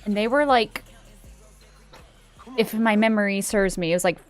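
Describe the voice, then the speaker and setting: A woman's voice: mid-range voice, normal speed. Casual woman streamer over faint music. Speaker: livestreamer reacting to wrestling. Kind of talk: casual chat.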